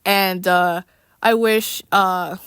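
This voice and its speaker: A woman in a casual, unscripted rant to viewers, speaking in a weary, exasperated and halting way. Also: fairly low pitch, steady tone, fairly bright tone, clean tone, dry recording, studio quality. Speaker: online creator addressing viewers.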